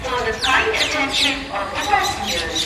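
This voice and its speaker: A woman making a formal train announcement over a railway station loudspeaker, measured and clipped word by word. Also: sing-song, over loud music. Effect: station loudspeaker public address. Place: railway platform. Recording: booming echo from distant station loudspeakers. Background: loud station noise.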